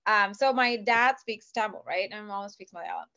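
A woman's voice: mid-range voice, moderate pace, sharp tone. A woman in her thirties from Kuwait, a podcast guest talking enthusiastically and chattily with many fillers over a video call from a home office. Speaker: podcast guest, business founder. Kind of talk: casual interview talk. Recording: dull lo-fi video call audio.

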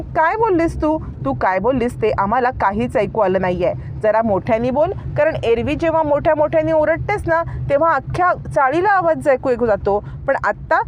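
A woman voicing a sharp-tongued young wife who taunts and scolds her sister-in-law, in a retold TV serial story. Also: high voice, lively intonation, moderate pace, few pauses, a little hiss or hum, voice pushed up. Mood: taunting.

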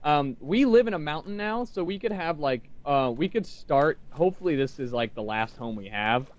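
A man's voice: a little high, expressive, moderate pace. A young man chatting casually while playing Minecraft, goofy and playful. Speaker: Minecraft player. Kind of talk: casual gaming chat.

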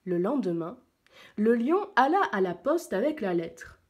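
A woman teacher reading a picture book aloud to young pupils, slow and expressive. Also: fairly high pitch.

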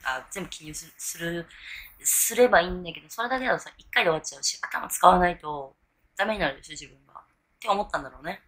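This drunk woman in her thirties, a vlogger, speaks fast in a fairly low, slightly bright voice. Chatting casually and alone to camera, she rambles and often loses her train of thought. She's indoors in a small bedroom or hotel room.

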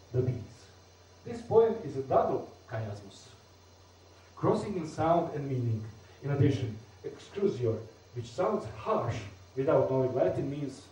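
A man's voice: on the high side, mellow. A man giving a university lecture on poetry, explaining step by step with some fillers and restarts, as a non-native speaker from Bosnia. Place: university amphitheater. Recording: very echoey lecture hall, distant mic.

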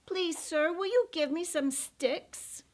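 A woman voicing a timid, polite little pig who turns high and frightened when threatened. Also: takes it slowly.

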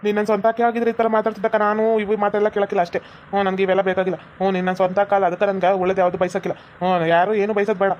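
A woman's voice: medium pitch, flat delivery, racing, darkish tone, highs cut off, slight background noise, voice pushed down, close to an everyday voice. A woman voicing a stubborn, sulky young man in love in a comedy cartoon. He speaks with a North Karnataka Kannada accent and insists by repeating himself.

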